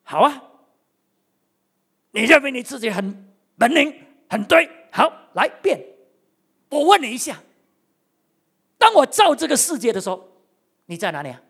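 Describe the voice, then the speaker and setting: A preacher acting out God as a stern, booming voice that challenges a man with mocking questions. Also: big pitch swings, unhurried, pauses often, fairly bright tone, slightly rough, full character voice. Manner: thunderous, mocking rhetorical questions.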